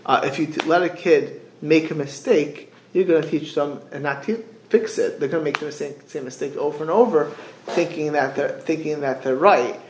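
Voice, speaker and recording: A middle-aged man with gives an informal religious sermon, haltingly repeating phrases and posing rhetorical questions. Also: on the high side, a little hiss or hum. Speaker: rabbi giving a religious class. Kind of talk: informal sermon, explaining texts with anecdotes. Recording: echoey room.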